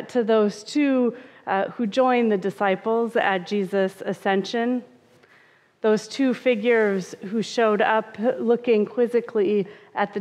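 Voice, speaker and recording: A woman pastor giving a conversational sermon, with touches of humor and frequent "uh" fillers. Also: on the high side. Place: church sanctuary. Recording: reverberant, dull church sound.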